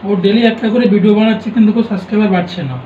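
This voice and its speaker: Fast-talking man chewing, tinny and distant. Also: high voice, fairly even intonation, a little hiss or hum. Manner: teasing, talks straight to viewers. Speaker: husband co-hosting an eating show. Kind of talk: casual chat while eating. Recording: tinny phone-like sound, roomy, off-mic.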